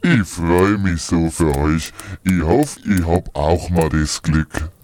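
A man's voice: low-pitched, takes it slowly, darkish tone, slight background noise. A man as a jovial Santa. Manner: jovial, folksy. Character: jovial beer-loving Santa Claus. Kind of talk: comic radio play.

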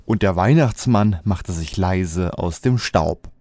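A man's voice: deep voice, slow, mellow, dry recording, studio quality. A man narrating a comic fairy-tale radio play in a storytelling manner.

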